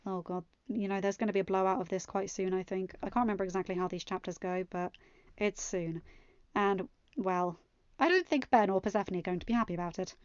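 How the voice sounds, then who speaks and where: A woman hosting a podfic narrates a story, breaking off at times for casual remarks to her listeners. Her mid-range voice is clean and a little fast. There is no echo; the dry, slightly muffled recording carries quiet music underneath.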